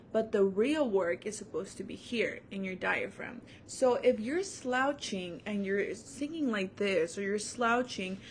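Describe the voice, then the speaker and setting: A woman's voice: fairly high pitch, slight background noise. A young adult woman, a music teacher, giving a recorded online lesson to children in an upbeat, encouraging way, with many fillers, seated at home before her camera. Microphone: camera mic.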